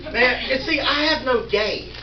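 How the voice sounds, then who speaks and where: A stand-up comedian with a very high-pitched voice performs a live set at a moderate pace, poking fun at himself and bantering with the audience. The gig is in a small indoor venue inside a wine store. The recording is roomy, distant and dull, with crowd ambience and background noise.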